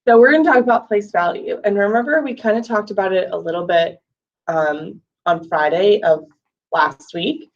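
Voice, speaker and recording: Patiently counting aloud, a woman teaches a recorded math lesson to first graders, her voice slightly scratchy from allergies. She speaks at medium pitch and a normal speed. The lo-fi recording places her a bit far from the mic.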